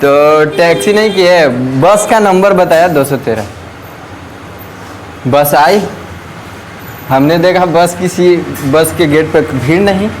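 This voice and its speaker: A young man telling a comic story at a live event. He tells it with animated energy and acts out the dialogue. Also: high voice, slow pace, long pauses, slight background noise, poor audio. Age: young adult. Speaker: student performer. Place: indoor celebration event.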